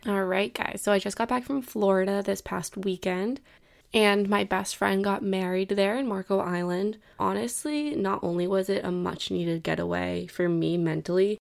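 Young female podcast host, chatty and rambling, with fry in her voice. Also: medium pitch, steady tone, a little slow. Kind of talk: casual chat.

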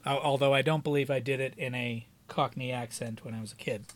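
A man's voice: mid-range voice, steady tone, a little fast. A man from the Greater Boston area co-hosting a podcast, joking and wry with a habit of swearing for laughs. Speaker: podcast co-host. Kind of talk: casual chat.

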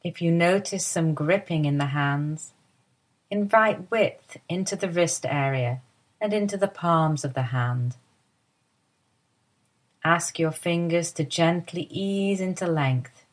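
A woman giving soft, soothing guided instructions for a body-awareness lie-down. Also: lowish voice. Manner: soft, slow, soothing guidance. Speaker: movement teacher guiding a lie-down.

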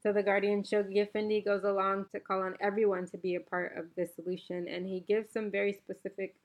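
Over music, a woman of medium pitch talks a little fast with a flat delivery. She's a podcast host from the Bahamas working at home while her children nap, offering earnest, reflective solo conversation and reading out a quote.

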